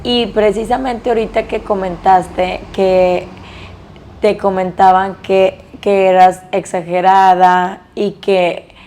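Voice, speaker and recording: A woman's voice: medium pitch, little pitch movement, takes it slowly, warm tone, slight background noise. A woman in her thirties hosting a casual podcast interview, talking in an empathetic, conversational way. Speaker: podcast host.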